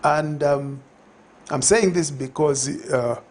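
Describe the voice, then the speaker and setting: An older man with a Zambian accent, interviewed on a TV studio set, takes things slowly in a fairly high voice. Speaking reflectively into a lapel mic, he fills the conversation with fillers and restarts.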